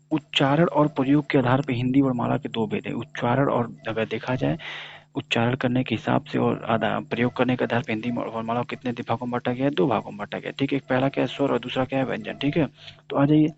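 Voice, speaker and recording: Male grammar teacher, gravelly voice, asks and answers his own questions, dull lo-fi sound. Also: mid-range voice. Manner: sounds out letters slowly one by one. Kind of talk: classroom-style grammar lesson. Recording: dull lo-fi recording.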